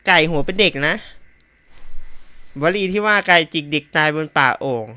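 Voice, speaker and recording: A man's voice: high-pitched, normal speed, noisy background. A man playing through a horror game, reading its text aloud and yelping and swearing at scares. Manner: jumpy, yelps and swears at scares. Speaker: gamer. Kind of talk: horror game playthrough commentary.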